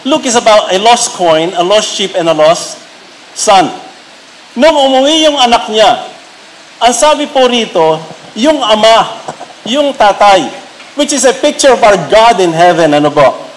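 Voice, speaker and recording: A middle-aged Filipino pastor preaching a sermon, mixing Tagalog and English and rising to emphatic peaks. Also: male voice, high-pitched, sing-song, unhurried, slight background noise, low-quality recording. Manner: switches between Tagalog and English, builds to raised emphatic peaks.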